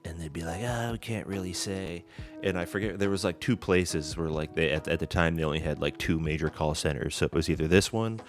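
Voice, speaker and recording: A man with a very low voice rants in a loose, profane podcast chat. He tells his grievances as long stories. Faint music plays underneath. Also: fast talker, few pauses. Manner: profane, ranting storyteller. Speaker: podcast co-host. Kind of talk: casual chat.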